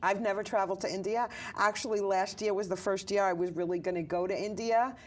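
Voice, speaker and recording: A woman's voice: medium pitch, fairly even intonation, fast, recorded from a distance. A woman working as a casting director, talking in a chatty interview, often laughing and repeating words. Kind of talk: casual interview.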